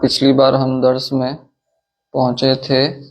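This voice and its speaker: Male religious teacher, gravelly and flat delivery, measured explanations, dull lo-fi sound. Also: medium pitch. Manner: recites Arabic text quickly. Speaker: teacher of Islamic creed and law. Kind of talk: religious lesson.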